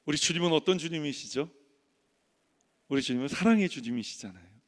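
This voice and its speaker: A male pastor preaching a sermon, swinging from loud emphatic lines to hushed soft ones and acting out the people in his story. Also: on the high side, lively intonation, fairly quick, long reverb tail. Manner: acts out quoted voices in dialogue. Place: church sanctuary.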